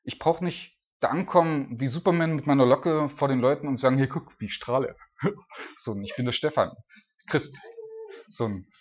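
A man's voice: medium pitch, moderate pace, highs cut off. A man preaching in a loose, chatty way, full of filler words. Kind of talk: casual preaching.

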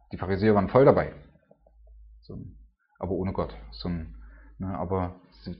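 A man preaching an informal sermon and leading a spoken prayer, talking in a colloquial, halting way with many filler words. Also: fairly low pitch, muffled recording.

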